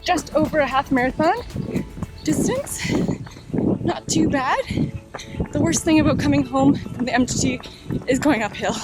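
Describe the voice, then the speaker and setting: A woman's voice: high-pitched, unhurried, pauses often, poor audio. A woman chatting casually to her vlog while running, slightly out of breath. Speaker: running vlogger. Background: loud music.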